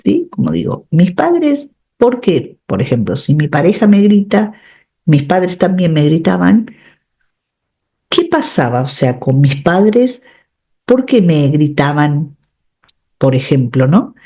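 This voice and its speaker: A woman's voice: low voice, very animated, takes it slowly, mellow. A middle-aged woman, a radio host and coach giving reflective step-by-step advice, often checking in with tag questions. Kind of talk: advice talk on personal growth.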